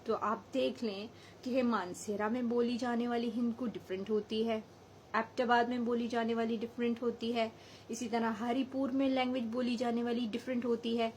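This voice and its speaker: A woman's voice: on the high side, flat delivery, normal speed, darkish tone, slight background noise, low-quality recording. A woman from Hazara in Pakistan with a local accent, giving a chatty spoken English lesson and mixing English phrases into her explanations. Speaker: English teacher.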